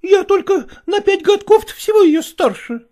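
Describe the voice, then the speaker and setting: A woman's voice: very high-pitched, lively intonation, normal speed, warm tone, pitched above the performer's own voice. A woman reading a story aloud, voicing a petulant, insistent unmarried elder daughter. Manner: whiny, insistent.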